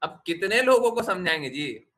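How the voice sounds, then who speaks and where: A man's voice: sits high, very animated, moderate pace, a bit bright. A man giving a devotional talk to his followers, scolding and questioning them, slipping English phrases into his speech. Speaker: spiritual teacher.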